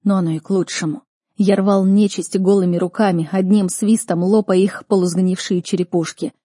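A woman narrating a first-person audiobook in an earnest, expressive manner. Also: mid-range voice, normal speed, husky, dry recording, studio quality.

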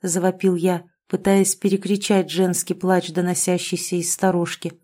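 Woman narrating in a dark tone. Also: lowish voice, level tone, normal speed. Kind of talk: audiobook reading of a horror story.

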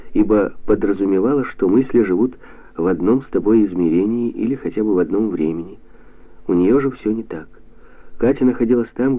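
A man calmly reading a literary novel aloud in a measured, even way. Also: on the low side, no room sound. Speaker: audiobook narrator. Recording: tinny lo-fi radio sound.

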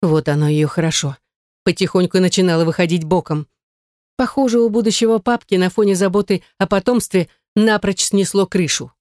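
A woman narrating a novel in a measured, even reading. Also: on the low side, dry recording, clean studio sound. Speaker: audiobook narrator. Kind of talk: scripted narration.

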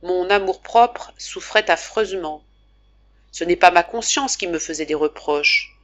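A woman narrating a classic novel as an audiobook, reading in a measured, expressive way. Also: lowish voice, highs cut off.

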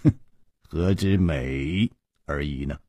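A man's voice: medium pitch, wildly swooping pitch, a little slow, darkish tone, slightly rough, no echo, heavily acted. A man voicing an easygoing male hero swordsman in a storytelling reading, wry and amused in manner.

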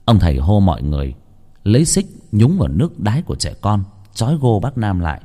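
A man narrating a horror story as an expressive storyteller. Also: fairly low pitch, a little fast, big-room sound.

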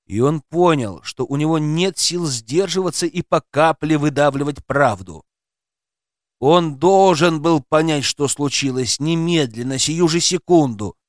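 A man narrating an audiobook with a lively, dramatic delivery. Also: a little high, a little slow, no room sound, clean studio sound.

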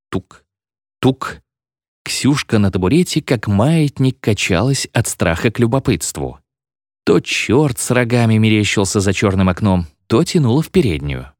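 A man reading a story aloud, expressive and acting out the characters. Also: lowish voice, moderate pace, no room sound, studio quality. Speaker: narrator. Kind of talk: scripted narration of a story.

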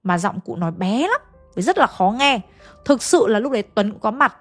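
A woman's voice: mid-range voice, very animated, fairly quick, soft background music. A woman narrating a ghost story in a casual, chatty way, speaking directly to her listeners with folksy asides.

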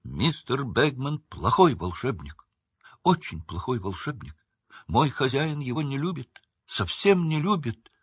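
A man voicing a devoted, tearful female house-elf who squeaks indignantly in broken grammar, in a storybook reading. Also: lively intonation, takes it slowly, slightly rough, no echo, lo-fi sound. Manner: tearful, indignant, ungrammatical speech.

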